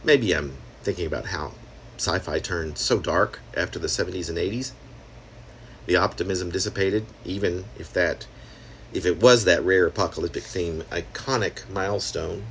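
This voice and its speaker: Reading his own experimental prose poem, this man speaks low and at an ordinary pace with some vocal fry. He keeps it chatty and wry, tossing in asides and rhetorical questions, and a faint hiss or hum sits under the recording.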